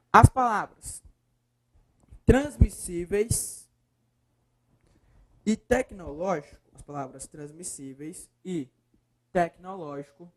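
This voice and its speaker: Brief: Brazilian male teacher, coaxing, breaks words into syllables. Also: high-pitched. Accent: Brazilian Portuguese. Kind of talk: video lesson.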